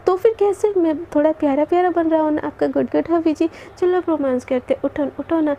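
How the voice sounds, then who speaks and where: A woman's voice: high voice, brisk, mellow, a little hiss or hum. A woman voicing a playful, teasing young woman partner, in a storybook love tale. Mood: whiny. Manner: teasing, whiny, fake-pleading.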